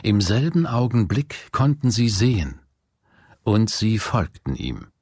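Deep-voiced man reading bible passages, slow and solemn. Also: big pitch swings, darkish tone, breathy edge, no room sound, clean studio sound. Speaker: scripture reader. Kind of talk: scripture reading.

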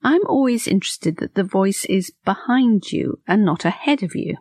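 A woman adding a thoughtful devotional reflection, speaking softly and sometimes dropping almost to a whisper. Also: mid-range voice, animated, normal speed, dry recording, studio quality.

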